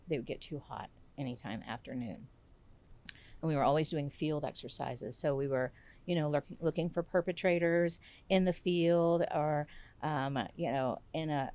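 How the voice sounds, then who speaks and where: An older woman, a podcast guest, telling lively stories in casual conversation, acting out quotes and laughing often. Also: sits low. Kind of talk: casual interview storytelling.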